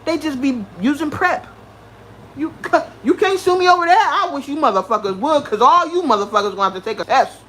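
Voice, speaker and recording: A woman hosts a livestream. She rants in a profane, animated way and talks straight to her chat. A faint noise sits under her voice. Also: high-pitched, brisk, low-quality recording. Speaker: livestream host. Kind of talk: ranting livestream commentary.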